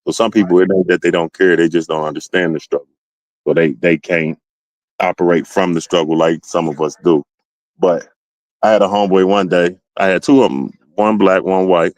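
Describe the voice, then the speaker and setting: Deep-voiced man telling stories casually. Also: moderate pace, no room sound, rough recording. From Ohio. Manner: animated storytelling, acting out other people's lines. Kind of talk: casual chat.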